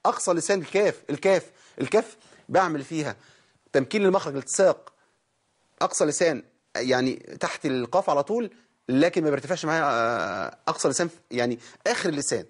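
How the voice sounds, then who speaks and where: An Egyptian Arabic-accented man leads a broadcast recitation lesson, worn out but talking quickly. His voice is husky and sits a little high, and he breaks his explanations down step by step, demonstrating sounds and quizzing his listeners. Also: animated. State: tired. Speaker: Quran recitation teacher. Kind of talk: televised tajweed lesson.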